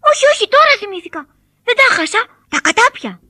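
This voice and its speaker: A woman's voice: sing-song, pushed and bright, dry recording, studio quality, heavily acted. A woman voicing a small wooden puppet boy who whines, pleads and fibs. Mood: fibbing. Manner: pleading, squeaky.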